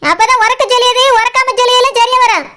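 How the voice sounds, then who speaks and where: A woman plays a quick-tempered village house owner from a cartoon who argues with everyone. She talks with a Kanyakumari Tamil accent. Her very high, bright voice fires off sharp, indignant retorts.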